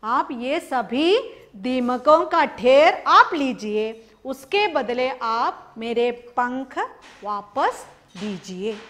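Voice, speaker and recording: A woman voicing a young male bird who slowly pleads with a trader, read aloud in a class story. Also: sits high, animated, fairly bright tone, heavily acted. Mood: pleading. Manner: slow, pleading.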